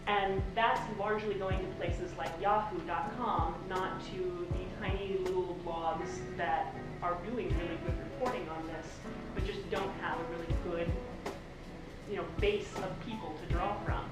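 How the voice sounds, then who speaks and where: An American woman giving an informal, rushed lightning talk to get through her points in time. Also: fairly low pitch, fairly even intonation. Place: echoey presentation room. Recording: echoey hall, distant pickup, music flagged behind.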